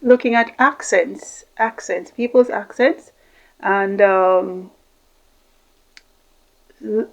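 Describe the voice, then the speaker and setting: Extremely slow and gravelly, pausing often, a middle-aged Jamaican woman in a mid-range voice speaks unscripted to camera as a communication coach, rambling through long example lists. The recording is slightly dull and lo-fi.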